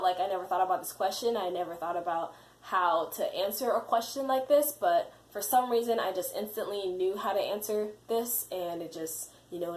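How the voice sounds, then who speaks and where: A woman's voice: lowish voice, a little hiss or hum, low-quality recording. A young adult woman casually telling a personal story to camera, full of "you know" and "like". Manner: chatty, leans on fillers like "you know" and "like". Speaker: vlogger.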